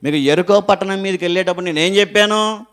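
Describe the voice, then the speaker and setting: A preacher voicing a stern God, low and scolding. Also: male voice, fast talker, a bit bright, smooth. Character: stern divine voice rebuking a leader.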